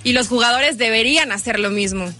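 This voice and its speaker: Mujer mexicana de voz aguda y brillante. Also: female voice, on the high side, bright, forceful tone, faint music behind. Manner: quick skeptical retorts. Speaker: sports panelist. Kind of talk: heated sports talk debate. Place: broadcast studio.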